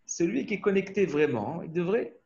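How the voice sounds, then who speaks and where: An Australian-born man leads an informal Torah class over a video call, and the audio is muffled. His voice is high, animated, and darkish with vocal fry, at normal speed, and he rambles, restarts often, and checks in with listeners by asking "hmm?"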